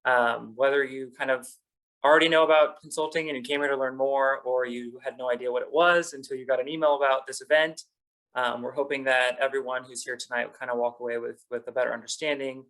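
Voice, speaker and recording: A man's voice: medium pitch, level tone, quick pace, a bit bright, low-quality recording. A man working as a career counselor, hosting a webinar in an upbeat, organized way over a video call.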